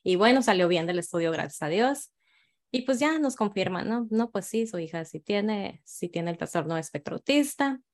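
A woman's voice: medium pitch, animated, moderate pace. Woman telling a heartfelt story. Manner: emotional, frank, many restarts and repetitions. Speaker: mother sharing her story as a guest. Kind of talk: casual conversational storytelling.

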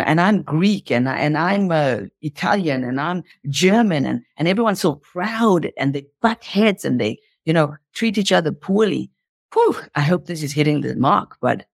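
In a low, creaky voice, a woman speaks as an interview guest in an impassioned motivational style, repeating phrases for emphasis. The recording is dry with clean studio sound.

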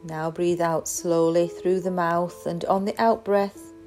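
A woman guiding a crystal meditation in a slow, soft, soothing way. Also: lowish voice, fairly even intonation, faint music behind. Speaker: meditation guide.

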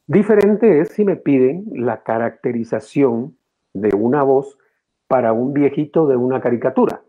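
Animated male voice actor, muffled sound. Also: moderate pace. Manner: animated, explanatory, swings his pitch widely to demonstrate voices. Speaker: voice actor and teacher of voice acting. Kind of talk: interview guest explaining his craft.

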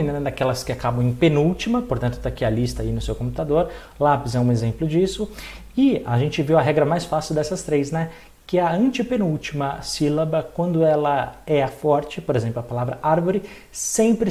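A young man with a Brazilian Portuguese accent teaching a recorded exam-prep lesson, asking questions and answering them himself. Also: a little high. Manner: lively, asks and answers his own questions.

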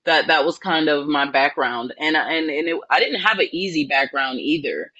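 A woman from New Orleans, a spiritual life coach, telling her life story in an earnest, reflective way with many pauses and ums. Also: sits low, sharp tone, no echo, lo-fi sound. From New Orleans, Louisiana. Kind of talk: personal storytelling in an interview.

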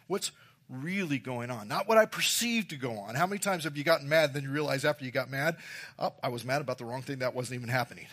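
Guy pastor preaching, kinda high voice, keeps repeating his points and talking right to the crowd. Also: fairly bright tone. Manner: emphatic, repeats key phrases; engages the congregation directly. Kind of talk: sermon.

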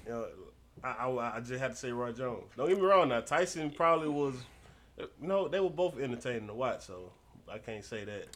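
Animated, slangy male podcast co-host. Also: mid-range voice, a little fast. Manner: animated, slangy, laughs often. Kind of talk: casual chat.

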